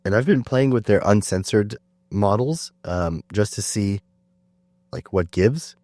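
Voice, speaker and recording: A man's voice: fairly low pitch, lively intonation, unhurried, darkish tone, dry recording. A man hosting a podcast, chatting casually with many fillers and restarts. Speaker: podcast host. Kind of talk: casual conversation.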